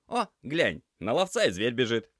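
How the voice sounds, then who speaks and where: A man reading an audiobook, voicing a cheeky young male cat student who teases his friends in a loud, lifted voice. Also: medium pitch, huge pitch swings, normal speed, no echo, clean studio sound, voice pushed up. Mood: teasing. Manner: teasing, boisterous.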